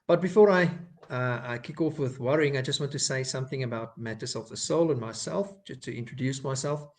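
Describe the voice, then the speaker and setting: Speaking in his second language, a clinical psychologist with an Afrikaans South African accent gives a faith-based talk. His mid-range voice sounds hesitant, with frequent pauses, fillers and restarts.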